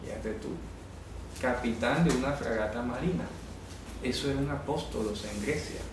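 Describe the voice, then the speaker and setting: A man's voice: medium pitch, moderate pace, noisy background. A man teaching a Bible class, explaining words step by step and checking that students follow. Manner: explanatory, asks "¿ya?" to check understanding; corrects pronunciation insistently. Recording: echoey room, speaker far from the mic.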